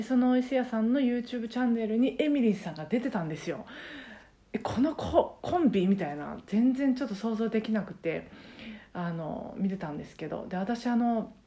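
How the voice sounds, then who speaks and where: A woman's voice: medium pitch, dark tone. A woman with a Kansai accent, a karaoke teacher talking casually and at length on her own podcast, rambling with many fillers. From Japan. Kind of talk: casual solo podcast chat.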